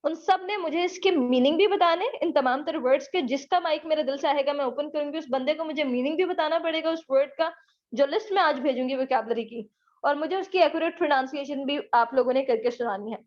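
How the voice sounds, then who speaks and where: A woman teaching a spoken English class online, mixing English into Urdu and drawing out her English sentences slowly. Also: high-pitched, dull audio. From Pakistan. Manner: mixes English into Urdu, slow drawn-out English sentences.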